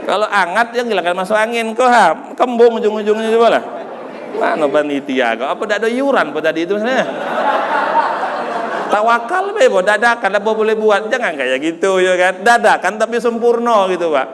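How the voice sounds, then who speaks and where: High-voiced preacher man in echoing hall. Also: lively intonation, brisk, a crowd in the background, background noise. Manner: joking with the audience, swinging between soft asides and loud preaching. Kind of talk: sermon. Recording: long hall reverb.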